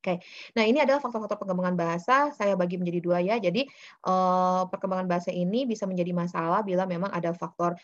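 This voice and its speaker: A woman's voice: fairly low pitch, fast, highs cut off. A woman presenting slides in a webinar, explaining things patiently with many fillers and acting out little examples. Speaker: webinar speaker on child communication.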